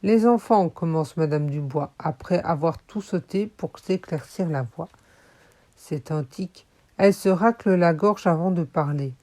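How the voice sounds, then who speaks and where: A woman narrating a children's audiobook in a calm, measured storytelling voice. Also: low voice. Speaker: audiobook reader.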